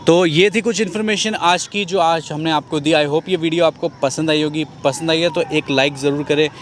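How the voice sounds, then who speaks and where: A man's voice: fairly high pitch, steady tone, a little fast, slight background noise. A man presenting a car sales vlog in a conversational way, repeating key points for viewers.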